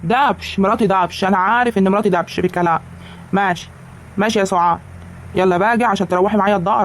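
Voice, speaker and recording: An actor voices a young husband from the Egyptian countryside, eager and pleading with his wife. He talks very fast in an Egyptian rural accent. A faint hiss runs under the track. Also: medium pitch, lightly acted. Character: young excited village husband.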